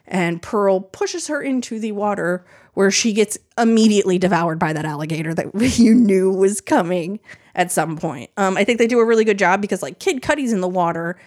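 A woman's voice: medium pitch, moderate pace, a little mellow. A woman casually recapping a horror film's plot, chatty and full of "like" fillers. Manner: chatty, heavy use of "like". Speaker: film reviewer.

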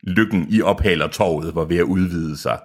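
A man's voice: deep voice, darkish tone, slightly rough. A man co-hosting a podcast, reading a novel aloud and breaking off for joking asides. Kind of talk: reading aloud with casual chat.

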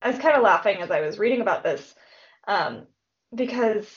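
A woman's voice: medium pitch, expressive, moderate pace, highs cut off. Chatty woman recounting a true-crime case. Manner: chatty retelling, frequent "like" and "um". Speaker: podcast co-host. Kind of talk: casual true-crime chat.

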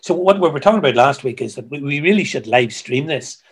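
A man, a musician guest who tells stories in a halting way, repeating words, heard over a video call. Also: a little high, animated, husky. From Ireland. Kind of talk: casual interview chat.

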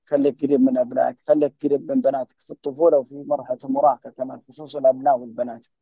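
A Saudi man rattles off his advice at a very fast clip in a mellow, rather dark voice. He pitches a little higher than most men, is emphatic and preachy, and lectures the listener directly. The sound is dry and close, with no room echo. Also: flat delivery, breathy edge. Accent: Saudi Gulf Arabic. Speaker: guest, mental health specialist. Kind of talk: impassioned advice in a podcast interview.

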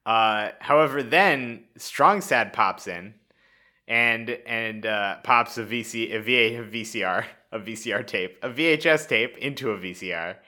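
A man's voice: fairly low pitch, measured pace, sharp tone. A young man co-hosting a podcast, chatting casually with plenty of fillers and laughter. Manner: rambling, frequent fillers and laughs. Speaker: podcast co-host. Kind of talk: casual chat.

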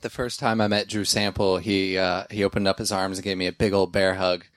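A man telling a fond personal story in an unhurried, casual way. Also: deep voice, level tone.

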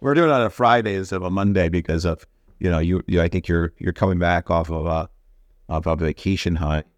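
Low-voiced guy co-hosting a podcast, keeps restarting, stammery, dry close mic. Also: dry recording, faint music behind. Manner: halting, many restarts and stammers, animated pitch swings. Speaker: podcast co-host. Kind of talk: casual conversation.

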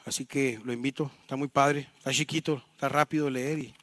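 A man's voice: mid-range voice, steady tone, a little fast, fairly bright tone. A man preaching an earnest sermon in a church, often calling the listeners brother and repeating words as he restarts.

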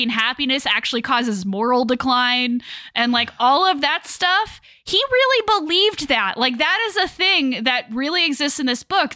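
A woman's voice: sits high, bright, forceful tone, dry recording. A woman co-hosting a casual film podcast, explaining at length and laughing often. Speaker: podcast co-host.

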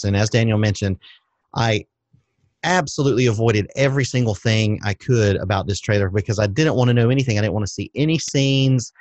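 A man hosting a movie review podcast, talking in a relaxed, measured way with light jokes. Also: on the low side, dry recording. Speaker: podcast host. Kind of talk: casual movie review chat.

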